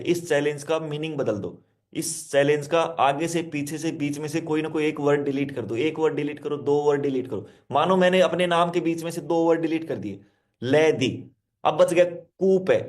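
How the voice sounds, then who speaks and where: Fairly high-voiced man teaching self-help. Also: brisk, a little mellow. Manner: repetitive, instructive, addresses listener directly; explains with simple word examples. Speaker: hypnotherapist. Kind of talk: self-help lesson to listeners.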